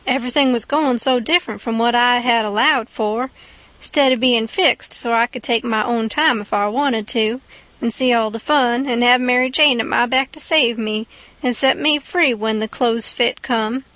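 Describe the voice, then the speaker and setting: A woman reads a classic novel aloud in a folksy, unhurried way. Her voice sits high and sounds dry and close. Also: a bit bright, no echo. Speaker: audiobook reader. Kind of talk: scripted narration of a classic novel.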